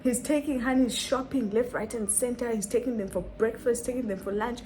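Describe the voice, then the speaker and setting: A woman's voice: on the high side, a little fast, slight background noise, low-quality recording. Dramatic woman telling a story. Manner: dramatic, animated storytelling with rhetorical questions. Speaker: vlogger. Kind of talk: storytime vlog.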